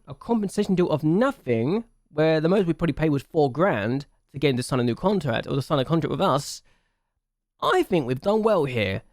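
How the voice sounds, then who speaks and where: A man's voice: fairly high pitch, a little mellow, dry recording, clean studio sound. A man hosting a game channel, chatting casually through his gameplay, thinking aloud and repeating himself for emphasis.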